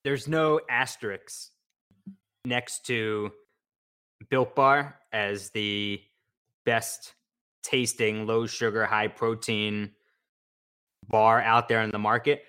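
A man co-hosting a sports podcast, chatting casually and teasing his partner in lively banter. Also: lowish voice, takes it slowly, long pauses, smooth. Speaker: podcast co-host.

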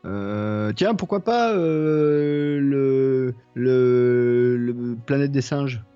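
Relaxed man on dull lo-fi audio. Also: medium pitch, drawn-out words, clean tone, soft background music. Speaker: podcast co-host. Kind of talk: casual chat. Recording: slightly dull lo-fi sound.

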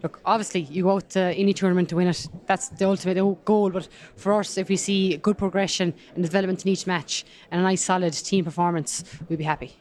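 A woman's voice: lowish voice, fairly even intonation, fast talker, few pauses, darkish tone. A woman with a Kerry accent from the west of Ireland, answering as a rugby player in a casual sports interview. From County Kerry, Ireland.

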